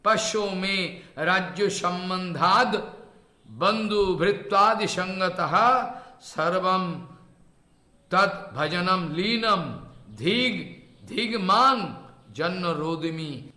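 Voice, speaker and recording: A man giving a spiritual lecture in short, halting phrases, chanting verses slowly. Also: sits high, expressive, bright, forceful tone, echoey room.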